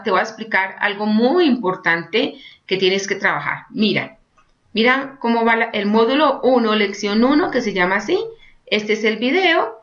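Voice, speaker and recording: A woman's voice: medium pitch, fairly bright tone, muffled recording. Chatty woman walking through a tutorial. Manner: chatty, keeps prompting with "mira" and "¿ok?". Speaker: online course instructor. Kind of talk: screen-recorded software tutorial.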